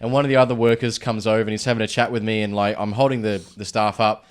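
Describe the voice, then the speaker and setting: A young man, a podcast co-host telling stories in casual chat, getting excitable and acting out his own shouts. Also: lowish voice, fast, a little hiss or hum. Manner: excitable, acts out shouted quotes in story.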